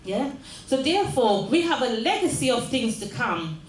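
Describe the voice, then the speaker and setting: An older Jamaican-born woman, a mayor, gives an earnest community speech in a large room at a mayor's office, often repeating phrases and asking the audience "yes?". Her voice is a little high with big pitch swings at a normal speed. The echoey recording has faint ambience and a little hiss or hum.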